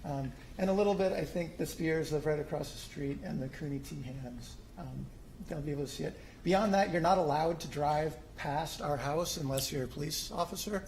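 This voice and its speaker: A middle-aged man's voice, a little high and darkish with vocal fry, moves at a moderate pace in a rough recording with slight background noise. As a homeowner applicant, he hesitantly and informally presents his own plans to a city commission in a city hall meeting room, full of ums and restarts.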